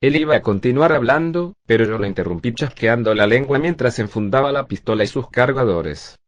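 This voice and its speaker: A male text-to-speech voice narrating a first-person zombie story in a steady, even reading. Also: mid-range voice, brisk, muffled recording.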